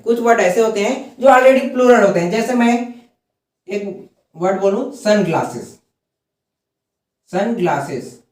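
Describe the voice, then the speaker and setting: A man's voice: extremely high pitch, reverberant. A male teacher explaining a grammar lesson. He repeats each point and asks questions that he then answers himself.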